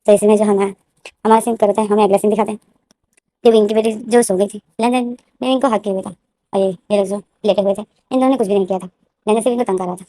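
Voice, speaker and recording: A woman casually retelling a fan-fiction story, with rapid, repetitive narration and many fillers. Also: medium pitch, fairly even intonation, mellow, no echo.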